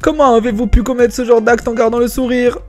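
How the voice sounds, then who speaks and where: A man's voice: medium pitch, steady tone, fairly quick, warm tone, soft background music, close to an everyday voice. A man voicing a stern male raid leader in a game, reproachful and formal.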